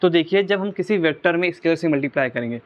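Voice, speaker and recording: A man's voice: fairly high pitch, lively intonation, fast, muffled recording. A man teaching a physics lesson, explaining each step and checking in with rhetorical questions.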